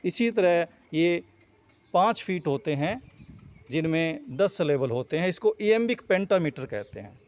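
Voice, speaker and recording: A man's voice: fairly high pitch, big pitch swings, a little mellow. A male teacher giving an explanatory lecture on poetry, repeating and rephrasing each point with fillers. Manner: reads English lines slowly, then explains in Hindi.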